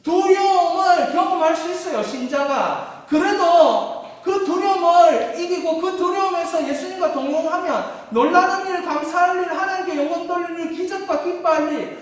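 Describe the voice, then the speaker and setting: A woman pastor preaching a sermon with lively call-and-response to her congregation. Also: very high voice, normal speed, hardly any pauses. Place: large church sanctuary. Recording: echoey hall from far off.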